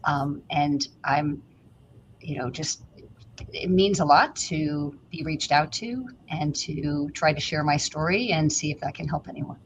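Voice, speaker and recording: Brief: woman from St. Louis, chatty interview guest, lower voice, faint hiss on a remote call. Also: measured pace, low-quality recording. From St. Louis, Missouri, USA. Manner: humble, chatty, many "um" fillers. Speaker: guest physician. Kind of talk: conversational interview answers. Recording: remote video call, faint background noise.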